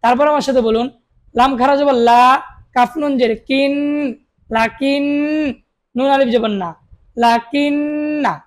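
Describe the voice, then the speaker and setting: Her voice is high-pitched, steady, and a little mellow as she recites Arabic syllables slowly, one by one, for a Quran reading class. She has listeners repeat after her and gives short rule explanations.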